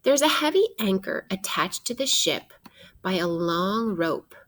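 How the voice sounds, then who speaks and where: In a mid-range voice and at a measured pace, a woman teacher reads a children's nonfiction book. She addresses the young listeners directly, with lively, instructive expression.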